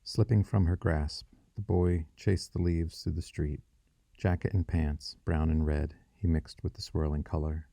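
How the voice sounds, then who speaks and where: A man narrating a fiction audiobook in a measured, descriptive storytelling manner. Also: extremely low pitch, fairly even intonation, creaky, mellow, dry recording, clean studio sound.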